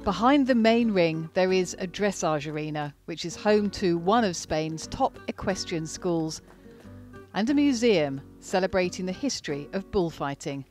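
A woman narrating a sailing travel vlog in a calm, wry tone. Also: lowish voice, measured pace. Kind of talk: scripted voice-over narration. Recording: voice-over with loud music bed. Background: guitar music.

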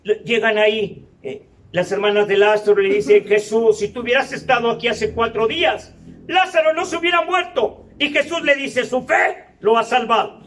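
An older man with a Mexican Spanish accent giving a profane, confrontational testimony to a recovery group, shouting in bursts. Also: very high-pitched, moderate pace, far from the mic.

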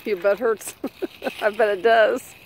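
A woman's voice: mid-range voice, fairly even intonation, slow pace, a little hiss or hum, poor audio. A middle-aged woman filming a casual family vlog outdoors on a handheld phone, chatty, laughing often and calling out to the kids. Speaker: family vlogger. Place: outdoors on a neighborhood walk.

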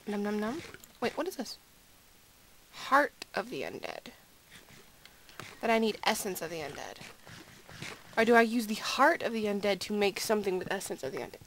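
A woman's voice: mid-range voice, sing-song, fairly quick, pauses often, fairly bright tone, low-quality recording. Sleepy woman rambling thru a game at night, giggles a lot, bit of hiss. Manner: rambling, giggly, self-deprecating. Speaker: gaming video creator. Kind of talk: casual gameplay commentary.

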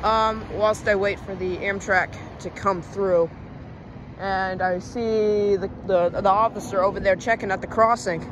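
A man's voice: high voice, steady tone, a little slow, background noise. Rambling young railfan guy outdoors. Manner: chatty, rambling, self-interrupting. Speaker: railfan vlogger. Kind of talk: casual storytelling to camera. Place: outdoors beside railroad tracks in town.

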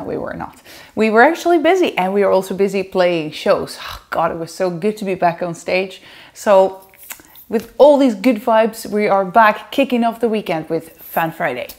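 Her voice sits at a medium pitch with a touch of mellowness. She's a Dutch-accented woman in her thirties from the Netherlands, seated on a living-room sofa and laughing often as she playfully chats to camera and answers questions from fans.

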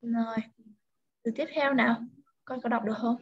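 A woman tutoring a pupil one-on-one in English vocabulary, saying each word slowly and carefully for the pupil to repeat. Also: a little high, steady tone, breathy edge, dull audio. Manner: slow, careful word-by-word pronunciation modeling.

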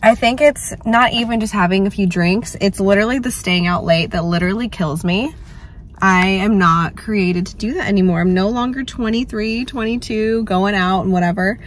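A woman, chatting to camera in a rambling, self-deprecating vlog, her voice slightly hoarse from a loud night out. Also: mid-range voice, normal speed, a little hiss or hum. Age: late 20s. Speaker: vlogger. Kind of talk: casual vlog chat to camera.

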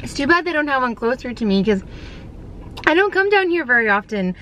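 Vlogger, woman, slightly high, chatty and rambling, handheld camera, casual to-camera talk. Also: a little fast, dull audio, slight background noise. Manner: chatty and lively, rambling with fillers. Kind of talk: casual vlog chat to camera. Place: outdoors and in her car on a hot day.

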